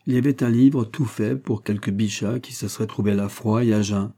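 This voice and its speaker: Low, mellow male audiobook narrator. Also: fairly even intonation, brisk. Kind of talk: scripted narration.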